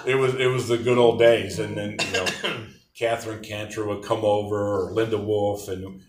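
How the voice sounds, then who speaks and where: A man's voice: lowish voice, little pitch movement, normal speed, far from the mic. A middle-aged man reminiscing casually about college days, telling long rambling stories with many restarts. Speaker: interviewee, former athletic trainer. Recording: roomy echo.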